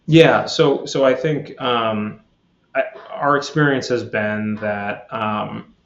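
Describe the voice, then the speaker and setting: A man being interviewed as a guest on a podcast, explaining in a measured way with lots of fillers and restarts. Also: lowish voice, a bit bright, roomy sound, lo-fi sound, a little hiss or hum. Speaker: guest, platform executive.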